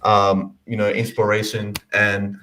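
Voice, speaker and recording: A young Australian man talking on a casual livestream, chatty and upbeat and quick to laugh. His voice sits on the low side. He speaks into a call mic. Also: completely flat delivery, sharp tone, a little hiss or hum, poor audio. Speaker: guest content creator.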